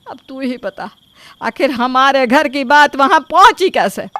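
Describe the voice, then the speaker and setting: A woman's voice: sits high, animated, measured pace, sharp tone, no room sound, heavily acted. A woman playing a sarcastic scolding mother-in-law. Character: sharp-tongued middle-aged Indian mother-in-law.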